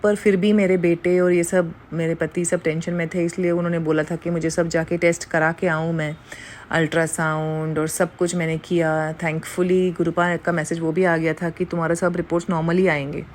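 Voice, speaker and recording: A woman's voice: on the low side, flat delivery, normal speed, darkish tone, slight background noise. A middle-aged woman giving an earnest devotional testimony to a congregation, mixing Hindi with English phrases.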